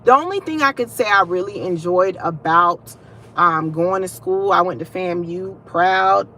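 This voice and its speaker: A woman's voice: on the low side, measured pace, fairly bright tone, slight background noise. A young woman, hosting a casual livestream, chatting and venting directly to her viewers. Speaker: livestream host.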